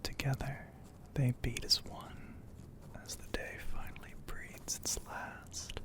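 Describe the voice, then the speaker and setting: A man narrates an ASMR story close to the microphone in a breathy, hushed whisper. His delivery is slow and poetic, with frequent pauses.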